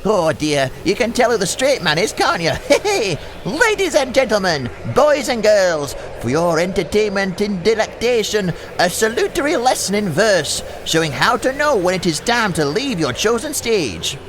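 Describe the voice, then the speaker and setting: A man's voice: high-pitched, big pitch swings, moderate pace, few pauses, background noise. A man playing a cheeky boyish comic performer with a brash, showy manner. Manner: brash, showy, rolling alliterative verse. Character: cheeky boyish comic partner Little Jimmy. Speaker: comic stage act.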